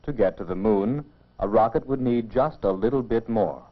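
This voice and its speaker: This lowish male voice narrates a mid-century educational film from a script, measured and explanatory in tone. It plays on a dull, aged film soundtrack.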